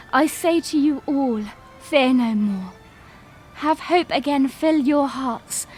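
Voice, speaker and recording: Woman acting high-voiced, stately Princess Zelda. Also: a little mellow. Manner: stately, earnest, formal. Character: young princess, solemn, resolute and caring leader. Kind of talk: fan audio drama acting, formal oratory.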